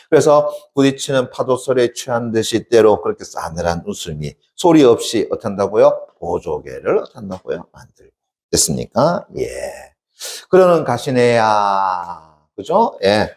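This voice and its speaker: A male academy teacher giving an exam-prep literature lecture, constantly asking check questions and answering them himself. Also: darkish tone. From South Korea. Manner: acts out poem lines with sudden high dramatic dialect.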